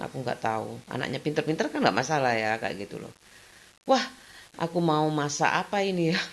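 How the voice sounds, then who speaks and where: A middle-aged woman, rambling casually in a daily vlog and laughing softly between thoughts. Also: sits low. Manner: rambling, chatty, often tags sentences with a filler phrase. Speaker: vlogger.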